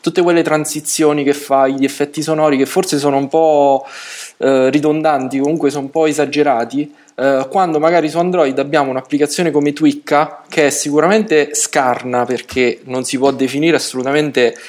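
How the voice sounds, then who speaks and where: A man's voice: on the high side, steady tone, moderate pace, darkish tone. A man talking casually on a tech podcast, hesitant, with frequent restarts and fillers. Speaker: podcast guest.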